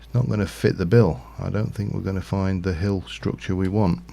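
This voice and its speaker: A man's voice: low voice, fairly even intonation, fairly quick, gravelly, mellow. A man casually commentating his Minecraft livestream, rambling and thinking aloud with lots of fillers. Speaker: streamer.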